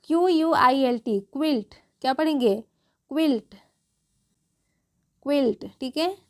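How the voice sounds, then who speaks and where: A woman's voice: high voice, unhurried. A woman with a Hindi accent teaching English phonics to beginners, spelling out each word letter by letter and asking and answering her own questions.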